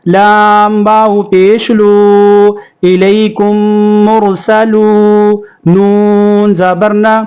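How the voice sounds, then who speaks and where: Guy teaching kids quran reading, high clean voice, fast explaining then slow chanty recitation, kinda muffled audio. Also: flat delivery, darkish tone, smooth. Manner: alternates quick explanations with slow, drawn-out recitation; addresses children as pupils. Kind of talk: tajweed lesson, spelling out and chanting Arabic words.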